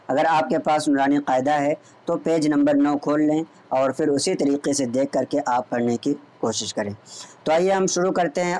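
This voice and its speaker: A man's voice: on the high side, darkish tone. A man teaching Quran reading online, patiently drilling letter sounds. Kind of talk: online recitation lesson.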